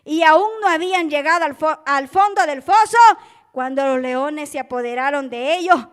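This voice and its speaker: A woman preaching a sermon with passion, calling her listeners brother and swinging from loud to hushed. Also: high voice, normal speed.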